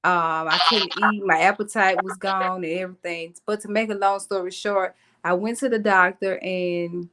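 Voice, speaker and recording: A woman guest telling her story on a video call, earnest and halting with many pauses. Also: mid-range voice, fairly even intonation, fairly bright tone. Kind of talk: personal story on a podcast.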